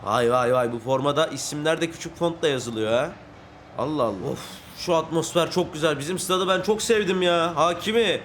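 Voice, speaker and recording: A young man with a fairly high voice talks non-stop over a football match he is playing, cheering and ranting at the players on screen. He flares into shouts and swears at every miss. Faint game ambience hums behind him. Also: fairly quick, slight background noise. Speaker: gaming channel host. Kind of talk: live gameplay commentary.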